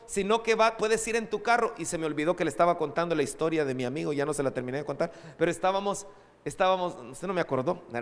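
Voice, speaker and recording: A man preaching a sermon as pastor, lively and conversational, with asides to the congregation. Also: high voice, in a large hall.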